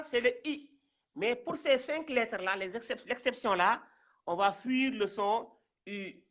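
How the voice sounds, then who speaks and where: A man's voice: high-pitched, sharp tone. A man from Senegal teaching Quran reading, patiently sounding out syllables and often checking in with his learners. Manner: patient and repetitive, often adding "hein" and "voyez bien". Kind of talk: slow step-by-step reading lesson.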